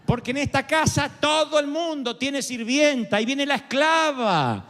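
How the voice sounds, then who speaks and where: A mocking, exasperated mother nags her child in a sharply raised, sing-song voice, as a male preacher puts her on. The sarcasm rides on wide swoops of pitch, and a long hall reverb trails each phrase. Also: lively intonation, unhurried, fairly bright tone, full character voice. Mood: sarcastic scolding.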